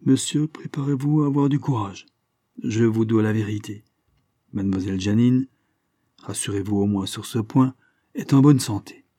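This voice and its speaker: A man's voice: fairly low pitch, dark tone, no echo, clean studio sound, close to an everyday voice. A man doing a formal, dutiful police inspector. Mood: earnest. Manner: formal and measured.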